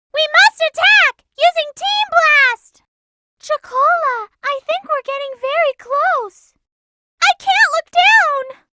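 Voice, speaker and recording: A woman voicing a polite, gentle little girl rabbit in a video game, speaking earnestly and helpfully. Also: extremely high pitch, heavy background noise, heavily acted. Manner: polite, well-mannered, earnest helper.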